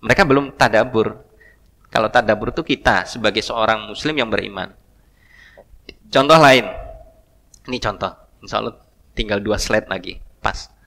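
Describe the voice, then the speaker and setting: A man giving a mosque lecture, telling a story with animated rises and soft asides. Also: lowish voice, moderate pace, creaky, long pauses. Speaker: preacher. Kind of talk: sermon lecture. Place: mosque hall. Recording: long hall reverb.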